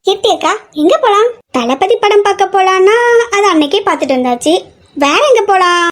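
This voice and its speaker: A woman doing a cheeky teenage girl, very high voice. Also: animated, brisk. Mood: teasing. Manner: teasing, chatty. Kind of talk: audio drama acting.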